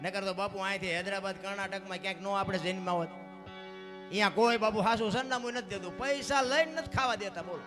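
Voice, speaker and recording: High-voiced storyteller. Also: male voice, fast talker. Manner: animated, swings between loud cries and hushed asides. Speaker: folk storyteller. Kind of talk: dayro folk storytelling and moral talk. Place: stage program. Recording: live stage with music behind. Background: music.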